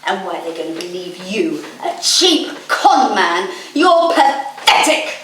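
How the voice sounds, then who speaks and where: A woman's voice: medium pitch, sing-song, a little slow, a bit bright. A woman playing a young heiress who talks in a pleading and then scornful way, in an amateur stage play. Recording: echoey stage from far off, noisy.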